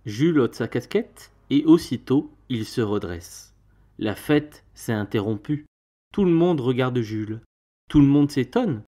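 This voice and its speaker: A man reads a children's picture book aloud. His voice sits at a middle pitch. He tells the story expressively, with varied delivery. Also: warm tone.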